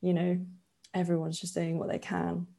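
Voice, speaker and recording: Twenty-something woman from poland chatting on a podcast, kinda low gravelly voice, mellow, lots of ums and likes. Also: moderate pace. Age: 20s. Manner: relaxed, chatty, laughs often, many fillers. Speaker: podcast guest, yoga teacher. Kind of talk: casual interview chat.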